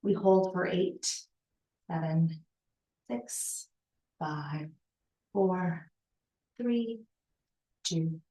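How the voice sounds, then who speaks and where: Slow-paced woman aerobics instructor in an echoey room. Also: fairly low pitch, dark tone, dull audio. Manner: encouraging, instructive, in short spaced cues. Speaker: fitness instructor. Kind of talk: aerobics instructor cueing and counting a workout. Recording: roomy, echoing indoor sound.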